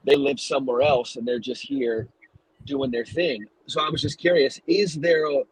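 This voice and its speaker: A man with a husky, slightly raspy voice at a middle pitch. He hosts a casual podcast interview. He asks long, searching questions that wander before they land. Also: moderate pace, dry recording, poor audio. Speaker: podcast host.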